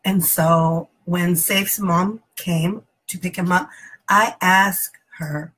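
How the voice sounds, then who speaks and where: A woman's voice: lowish voice, fairly even intonation, slow, fairly bright tone, husky, rough recording. A woman teacher giving an earnest, emotional personal testimony, hesitant at times.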